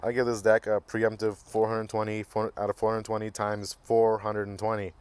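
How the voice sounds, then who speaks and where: A man's voice: lowish voice, completely flat delivery, normal speed, a little mellow, clean tone, no room sound. A man hosting a casual card game review, reading card text aloud and cracking goofy jokes. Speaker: card game channel host.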